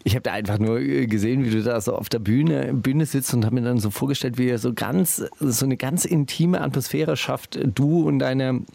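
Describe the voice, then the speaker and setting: A man hosting a casual radio talk show, rambling and halting with many fillers and restarts. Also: mid-range voice, gravelly, warm tone, no room sound.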